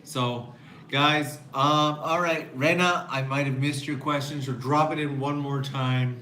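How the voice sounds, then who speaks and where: A man's voice: mid-range voice, steady tone, unhurried, pushed and bright. A man hosting a casual live-stream chat from a restaurant, earnest and talkative, often restarting his sentences. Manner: chatty, earnest, with frequent restarts. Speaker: channel host. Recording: echoey room, faint background noise.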